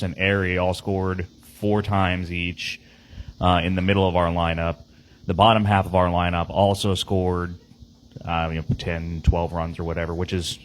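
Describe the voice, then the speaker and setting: A man's voice: sits low, a little hiss or hum, poor audio. A man talking through his team's game on a casual podcast, rambling with lots of fillers and restarts. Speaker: team player on a podcast.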